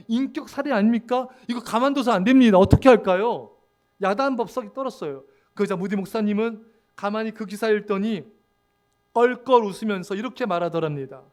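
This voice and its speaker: A man with a high voice preaches a Sunday sermon with emphasis. He calls out to the congregation again and again and acts out the lines he quotes. He speaks in a church sanctuary. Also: darkish tone. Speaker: pastor.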